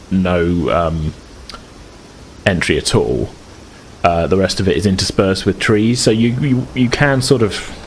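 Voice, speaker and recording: A man with a very low voice runs a tabletop game, narrating loosely and rambling, with lots of restarts and fillers. The audio is poor, and a faint noise sits beneath his voice.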